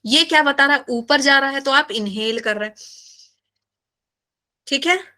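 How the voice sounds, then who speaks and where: A woman teaching biology in a live class, animated and playful, often asking her students questions. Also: sits high, a little slow.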